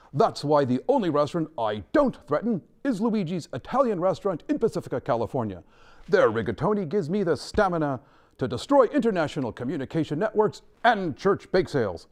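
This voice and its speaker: A man playing a boastful supervillain in a spoof restaurant commercial, with theatrical, booming delivery. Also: darkish tone. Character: boastful male supervillain in a radio ad.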